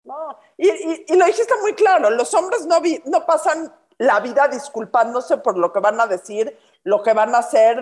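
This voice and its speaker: A woman talks in a casual podcast chat. She sets out her arguments in neat lists and laughs as she goes. Her voice is high. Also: darkish tone. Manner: laughs while arguing, lists points. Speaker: podcast co-host.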